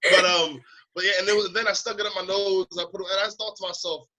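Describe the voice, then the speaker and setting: A young man, co-hosting a podcast in casual chat, animated and quick to laugh while telling stories. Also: high-pitched, crowd noise, poor audio. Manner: animated, laughs often, acts out voices in anecdotes. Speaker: podcast co-host.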